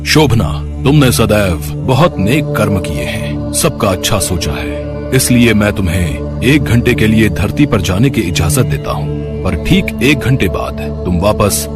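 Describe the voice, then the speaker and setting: Man voicing stern god of death, very deep, slow, grave, animated storybook. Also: loud music behind the voice. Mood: solemn. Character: solemn male god of death, stern judge.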